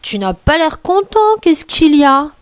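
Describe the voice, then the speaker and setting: Sly storybook fox, put on by a woman, teasing, drawn-out, high voice. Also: sing-song, no room sound. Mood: curious. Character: sly male fox, mocking and clever.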